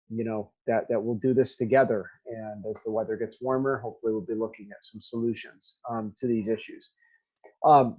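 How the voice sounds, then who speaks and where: A man teaching a recorded remote lesson, talking straight to his students in a halting way with many ums. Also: medium pitch, highs cut off.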